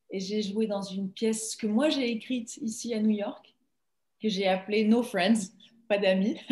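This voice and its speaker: A woman, a guest actress, talking casually in an interview, relaxed and chatty with many fillers and restarts. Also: on the high side. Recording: echoey room sound.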